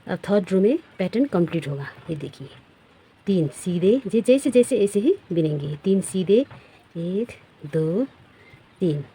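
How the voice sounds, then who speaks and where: A woman's voice: fairly low pitch, expressive, normal speed, warm tone, husky. A woman teaching a knitting pattern step by step, counting stitches aloud and repeating herself as she shows each row. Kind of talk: step-by-step craft tutorial.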